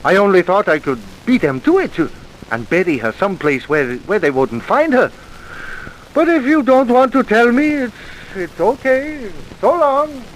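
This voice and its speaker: Coaxing and hushed, the man voicing a wheedling, wary truck driver turned informer speaks high, with big swings in pitch, at a normal speed. The old radio crime drama comes through as hissy, poor audio, and his manner is evasive, colloquial and plainly working-class.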